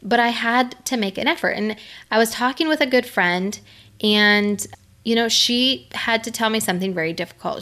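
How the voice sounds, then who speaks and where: A woman's voice: mid-range voice, a bit bright. A middle-aged woman giving an earnest, conversational faith-based motivational talk, laughing now and then.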